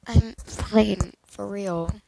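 A woman's voice: medium pitch, fairly even intonation, drawn-out words, vocal fry, background noise. A woman voicing a sick, secretive teenage boy in a fan fiction reading, speaking in a weak, pleading way.

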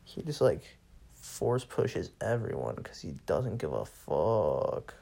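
Young male solo podcaster, low and gravelly, profane and sarcastic, casual rant. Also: sing-song, slow, mellow. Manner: profane, bored and sarcastic, laughs often.

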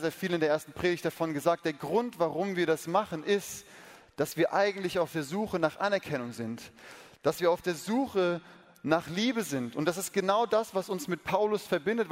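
A man preaching a sermon earnestly, talking straight to his listeners and asking them questions. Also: fairly high pitch. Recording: long reverb of a large hall.

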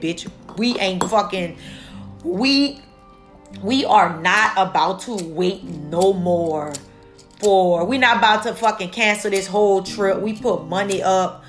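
A young woman tells a travel story straight to her viewers, swearing freely and full of disbelief. Her voice sits at an ordinary middle pitch, and faint music plays behind her. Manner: profane, animated, talks straight to viewers. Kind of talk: casual storytime vlog.

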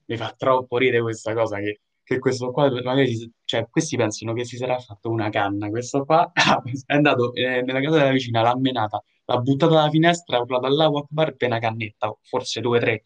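A man's voice: medium pitch, a little fast, few pauses. A young man co-hosting a casual news chat, talking in a loose, digressive way and breaking into laughter now and then. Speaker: co-host.

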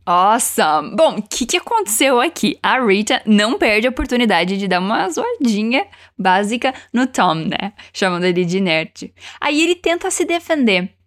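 A woman teaching English, encouraging learners and slowing down to model each phrase for them to repeat. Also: mid-range voice, very animated. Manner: encouraging, slows down to model pronunciation. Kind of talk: language lesson with repeat-after-me drills.

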